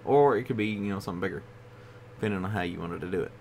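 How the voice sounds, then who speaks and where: A man's voice: low voice, very fast, darkish tone, slight background noise. A man hosting a casual card review video, tired and yawning as he rambles along with frequent fillers. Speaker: card game video host.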